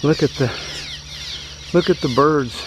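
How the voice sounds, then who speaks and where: A man's voice: a little high, noisy background. Matter-of-fact man outdoors by a creek. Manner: plain, matter-of-fact, unhurried. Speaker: fishing vlogger. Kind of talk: casual outdoor narration. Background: insects and countryside ambience.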